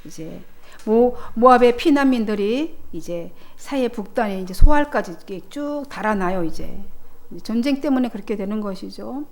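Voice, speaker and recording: A woman's voice: medium pitch, expressive, normal speed, darkish tone. A woman pastor preaching a sermon in a church, emphatic and swelling then dropping in volume.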